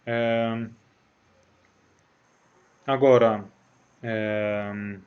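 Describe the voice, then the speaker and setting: A man's voice: fairly low pitch, little pitch movement, drawn-out words, dull audio. A man from Italy with an Italian accent, giving a recorded university logic lecture in a hesitant way, with many fillers and frequent checks on the listener.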